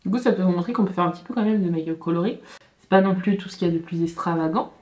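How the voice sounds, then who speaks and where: A woman's voice: lowish voice, rapid-fire, a little mellow. Chatty woman vlogger in an echoey room. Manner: chatty, thinking aloud, with frequent hesitations and self-corrections. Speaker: beauty vlogger. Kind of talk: casual makeup tutorial chat. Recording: roomy echo with faint background music.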